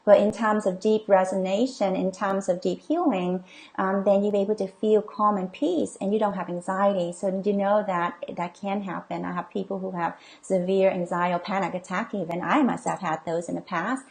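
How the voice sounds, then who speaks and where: A woman's voice: medium pitch, fairly even intonation, moderate pace, creaky, darkish tone. Woman coach reassuring her live viewers. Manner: reassuring, many okays and ums, reads comments aloud. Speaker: coach and healer hosting a live session. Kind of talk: live-stream talk reading viewer comments.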